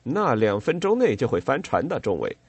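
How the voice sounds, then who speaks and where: A man's voice: medium pitch, wildly swooping pitch, moderate pace, breathy edge, no echo, dull audio, exaggerated voice. A man reading an audiobook voices a blunt army sergeant who speaks dismissively.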